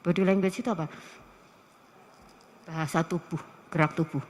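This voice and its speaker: A middle-aged woman with a Javanese accent gives a lively university lecture, tossing rhetorical questions at the audience. Her voice sits low at a normal speed, and the recording carries long hall reverb.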